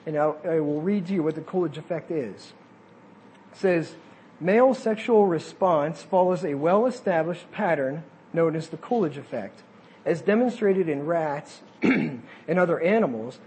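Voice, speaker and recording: A man's voice: a little high, expressive, normal speed, a little mellow, breathy edge. A man preaching a sermon, reading quotes aloud and breaking off to add casual asides.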